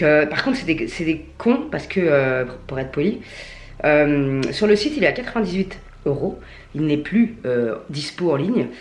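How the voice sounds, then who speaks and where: A woman's voice: deep voice, a little mellow. A young woman in a casual clothing haul chat at home, gushing and slangy, swinging into mock outrage. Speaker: fashion vlogger. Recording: echoey room, mic at a distance, faint music.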